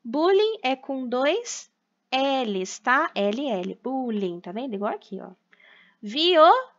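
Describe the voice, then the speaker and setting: A woman teacher with a high voice walks young pupils through a lesson, checking in with them after nearly every point. The sound is a little dull and lo-fi. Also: expressive, slow. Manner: explanatory, frequent tag questions. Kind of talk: recorded class lesson for children.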